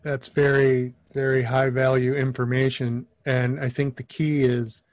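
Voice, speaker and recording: A man hosting a call, speaking hesitantly with many pauses and restarts. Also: medium pitch, little pitch movement, darkish tone, no room sound. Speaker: host. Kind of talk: casual chat moderating callers.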